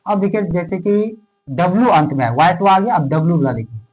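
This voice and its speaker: A man teaching a classroom lesson in speech who asks questions and answers them himself, repeating key terms and drawing words out slowly as he writes. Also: high voice, animated, a little mellow, low-quality recording. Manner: stretches words out slowly while writing.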